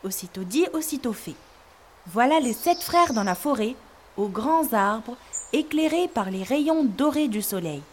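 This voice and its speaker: Expressive woman telling a children's story. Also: fairly high pitch, a little slow, a little hiss or hum. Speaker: narrator. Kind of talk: scripted storybook narration for learners.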